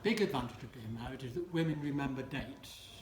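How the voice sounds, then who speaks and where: Speaking fairly quickly in a mid-range voice, a man in his seventies delivers a wedding speech in a roomy hall with some faint noise. Dry, self-deprecating humour runs through it, along with teasing asides to the newlyweds.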